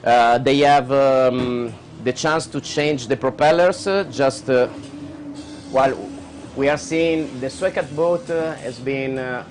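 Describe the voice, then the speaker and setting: A man's voice: mid-range voice, takes it slowly, noisy background. A man co-commentating a boat race, explaining technical points at length with many hesitations. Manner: explanatory, many uh fillers, non-native phrasing. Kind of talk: live sports commentary.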